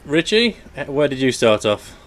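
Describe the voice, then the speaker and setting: A man's voice: medium pitch, measured pace, background noise. A man hosting a casual hobby chat, handing questions to the other guests. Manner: relaxed, asks the others questions. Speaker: host.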